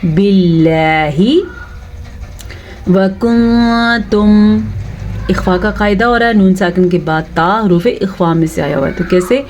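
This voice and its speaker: A woman teaching Quran recitation with tajweed rules, patiently explaining and then reciting words slowly and drawn out, often checking with the listener. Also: fairly low pitch, dull audio. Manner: asks the listener rhetorical check questions.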